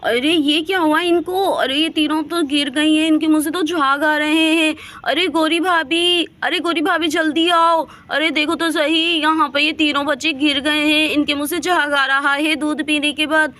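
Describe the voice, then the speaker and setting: A woman voicing a panicked village aunt who cries out in a shrill, high voice. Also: steady tone, normal speed, hardly any pauses, pushed and bright. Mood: alarmed. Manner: shrill alarmed calling out.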